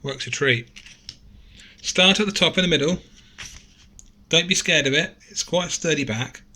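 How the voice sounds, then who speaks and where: A man talks through a gadget teardown in a relaxed, chatty way. He thinks out loud and corrects himself mid-sentence. His voice is caught by a camera microphone at a desk indoors. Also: a little high, normal speed. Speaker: gadget reviewer. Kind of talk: casual teardown tutorial.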